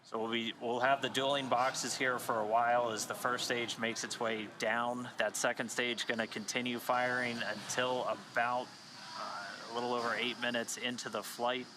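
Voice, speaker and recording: A man's voice: mid-range voice, little pitch movement, moderate pace, background noise. A man commentating live on a launch webcast, relaying technical call-outs and flight status.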